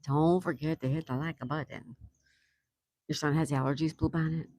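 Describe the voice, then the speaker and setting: Mellow-voiced older woman hosting a livestream. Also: low voice, steady tone, moderate pace, no room sound. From South Florida, USA. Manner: chatty, reads comments aloud, laughs often. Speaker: livestream host reading chat. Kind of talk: casual live-stream chat.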